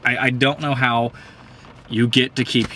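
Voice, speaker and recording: A mid-pitched man rants in a casual, heated way, swearing often and filling gaps with ums and uhs. His voice jumps higher when he gets worked up. A faint hiss of noise sits under the recording. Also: little pitch movement, moderate pace, sharp tone. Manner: profane, heated, rambling with many ums. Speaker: host. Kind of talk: casual ranting commentary.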